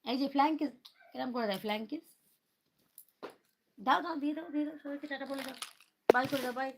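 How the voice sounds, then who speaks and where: A young woman, a mother on a livestream, talking to her small child in a coaxing, gently scolding, sing-song way. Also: high-pitched, fast, heavy background noise. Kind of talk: casual talk to a toddler on a livestream.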